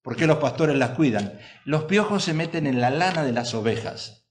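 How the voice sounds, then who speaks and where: Pastor guy preaching, high-ish voice, swings up and down a lot, keeps asking the crowd questions. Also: animated, moderate pace. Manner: emphatic, rhetorical questions to the congregation. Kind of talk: sermon.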